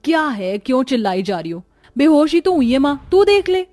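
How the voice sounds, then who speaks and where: A woman's voice: sits high, lively intonation, brisk, a little mellow, soft background music. A woman voicing a vain, spoiled young woman in a storybook, scornful and bossy, slipping English words into her talk. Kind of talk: storybook voice acting.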